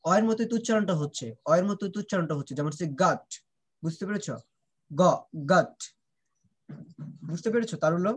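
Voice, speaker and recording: A man's voice: high voice, rapid-fire, breathy edge. A man teaching children pronunciation in an online class. He drills sounds and keeps asking whether the students understand, switching between Bengali and English.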